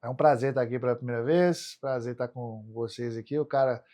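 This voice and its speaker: A man's voice: medium pitch, steady tone, a little fast, warm tone. A Brazilian man, an athlete being interviewed as a podcast guest, talks colloquially about himself, often adding tags seeking agreement. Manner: colloquial, frequent tag questions seeking agreement. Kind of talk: casual interview storytelling.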